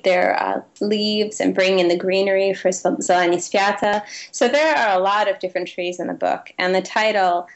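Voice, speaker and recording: A woman author who grew up in the United States with Ukrainian as her first language gives a thoughtful interview, often restarting her sentences. Her voice is fairly low in pitch, and the recording's highs are cut off.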